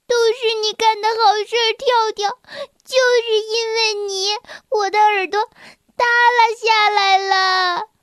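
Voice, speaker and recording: A woman voicing a gentle, easily worried young male rabbit in a children's storybook, speaking in an anxious, earnest way. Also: very high-pitched, fairly even intonation, slow, dry recording, clean studio sound, pitched above the performer's own voice, exaggerated voice. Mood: alarmed. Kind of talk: storybook reading.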